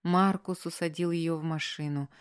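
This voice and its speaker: Woman narrator, audiobook, low voice, measured, earnest reading. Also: fairly even intonation, smooth. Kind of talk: scripted narration.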